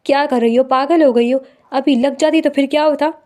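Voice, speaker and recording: A woman voicing an anguished young husband who pleads urgently, in a high voice. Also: fairly even intonation, dark tone, close to an everyday voice. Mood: pleading.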